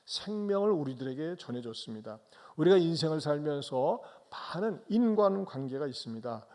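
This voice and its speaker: A man's voice: on the high side, sing-song, normal speed, dark tone. A male pastor delivering a Sunday sermon in church, with dramatic storytelling and rhetorical questions to the congregation.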